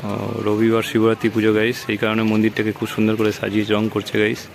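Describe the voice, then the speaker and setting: A man's voice: fairly low pitch, completely flat delivery, quick pace. A man, filming a casual family vlog at home on a phone camera, talking to viewers and repeating his questions to get answers from family. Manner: chatty, repeats himself, coaxes family for answers. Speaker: family vlogger. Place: family home indoors and around the yard. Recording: echoey rooms, faint ambient noise.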